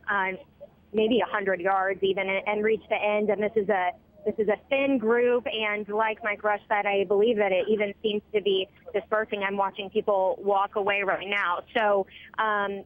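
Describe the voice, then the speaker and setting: A woman's voice: mid-range voice, no echo. Woman field reporter, live phone-in, a little out of breath, dry tinny line. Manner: conversational, with fillers.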